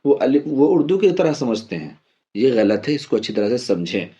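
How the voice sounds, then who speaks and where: A man teaching Quran reading as a step-by-step lesson, patiently spelling out letters slowly and repeating each drill. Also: medium pitch, big pitch swings, warm tone, dull audio.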